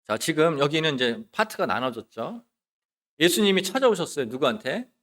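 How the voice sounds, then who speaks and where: A man preaching from the pulpit as a church's associate pastor, his somewhat high voice rising and falling widely in pitch. He poses rhetorical questions and answers them himself. His delivery swings from forceful emphasis down to quiet, hushed phrases. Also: sing-song, normal speed. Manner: swings between loud emphasis and soft near-whispers. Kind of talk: sermon. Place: church sanctuary.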